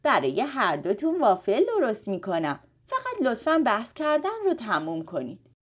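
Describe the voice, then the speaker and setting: Woman playing a kind gentle mom. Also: on the high side, wildly swooping pitch. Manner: soothing. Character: kind mother, laughing and gentle.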